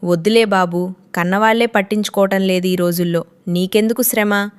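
Woman reading a frail, kind old grandfather, soft-spoken, storybook style. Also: mid-range voice, fairly even intonation, moderate pace, smooth, close to an everyday voice. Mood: pleading. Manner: soft, pleading.

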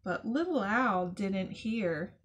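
Slow, expressive woman reading to kids, storytime with friendly asides. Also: mid-range voice. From United States. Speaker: zoo educator. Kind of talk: children's storytime read-aloud.

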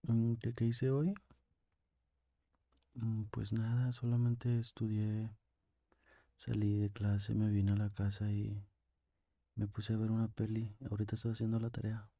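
A young man with a Mexican accent playing a tender, lovesick boyfriend on a call in an ASMR role-play, speaking intimately with pauses. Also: fairly low pitch, completely flat delivery, dark tone, no room sound, dull audio. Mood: tender, devoted. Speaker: ASMR performer.

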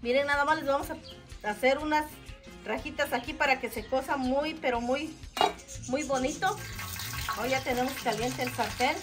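A woman's voice: high voice, moderate pace, long pauses, music in the background. A middle-aged woman hosting a casual home cooking video, explaining each step to viewers in a homely way. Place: outdoor covered backyard kitchen.

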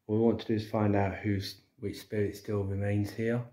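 An English paranormal investigator films himself on a handheld phone while exploring a haunted church, first outdoors in the churchyard and then in the porch. He calls out firmly to the spirits, then muses plainly about the building. His voice is lowish, flat and mellow, at a normal speed, with no room sound.

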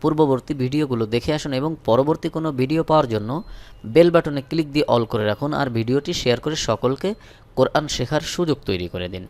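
A man teaching Quran recitation, slowly drilling each verse phrase by phrase and then explaining the rules in between. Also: mid-range voice, darkish tone. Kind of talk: recitation lesson.

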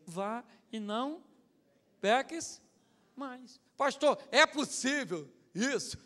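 Male pastor, high and bright, preaching animatedly in a reverberant church hall. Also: vocal fry. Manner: animated, mimics others, swings from shouting to muttering. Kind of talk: humorous evangelical sermon.

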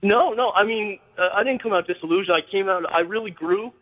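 Fast-talking man calling in by phone. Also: high voice. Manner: earnest, halting, many fillers and restarts. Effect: call-in phone line on air. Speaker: radio show caller. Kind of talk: call-in radio chat. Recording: tinny phone line with long reverb.

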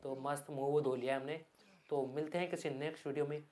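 A man giving loud, excited Hindi gameplay commentary as a gaming YouTuber. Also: fairly high pitch, fast. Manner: loud, hyped, yelling at the game.

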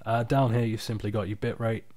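Male, low-pitched, tired, casual screen-recording walkthrough, unpolished and informal, dry close sound. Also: little pitch movement, a little fast, a little mellow, no room sound. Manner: informal, unpolished, off-the-cuff explaining. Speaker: software tutorial presenter. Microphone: external microphone, close and dry.

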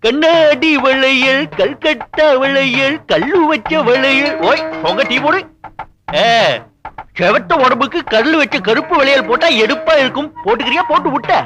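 A teasing forest officer. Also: male voice, very high-pitched, animated, a little fast, sharp tone, soft background music, full character voice. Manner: teasing, playful banter. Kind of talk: 1980s film dialogue.

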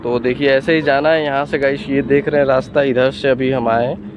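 A young vlogger walks outdoors beside a highway and fields, holding his phone at arm's length and chatting directly to viewers. His mid-range voice is steady in tone and brisk. The phone audio is dull and lo-fi, with faint outdoor noise.

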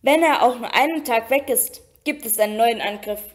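A woman voicing a worried young schoolboy with a hoarse voice in an audiobook reading. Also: fairly high pitch, normal speed, lightly acted.

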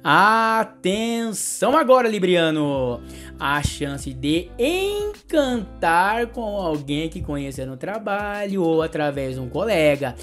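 A man with a Brazilian Portuguese accent hosting an astrology channel. He reads the daily horoscope and pitches his services, speaking to the listener directly in an affectionate, upbeat way. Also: big pitch swings, takes it slowly, a bit bright, faint music behind. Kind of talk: horoscope reading and sales pitch.

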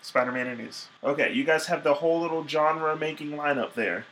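A tired young man vlogs straight to camera from a small bedroom, his voice sitting a little high. He sounds chatty and playful. There is a faint hiss of background noise. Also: fairly quick, fairly bright tone. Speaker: music vlogger interviewing a band. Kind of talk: casual vlog talk to camera. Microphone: camera mic at close range.

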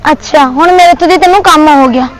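A fierce young woman with a Punjabi accent fires off quick, cutting retorts at her boyfriend, as an actress plays her. Her voice sits very high and races along, with traffic somewhere behind her outdoors. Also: close to an everyday voice, low-quality recording. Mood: angry. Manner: sharp, confrontational, fast retorts. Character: angry young woman demanding her boyfriend leave his mother. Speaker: girlfriend. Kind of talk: short film acting.

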